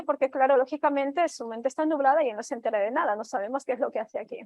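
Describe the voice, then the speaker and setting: High-voiced woman telling a sermon story. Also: no room sound. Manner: retells dialogue with frequent "dice" and fillers. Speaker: preacher.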